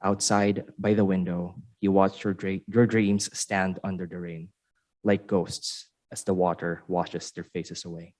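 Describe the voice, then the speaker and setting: A man's voice: sits low, level tone, a little mellow. A man reciting his spoken-word poem at an open mic in a university exhibition room. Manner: measured, lyrical recitation. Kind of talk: spoken-word poetry reading.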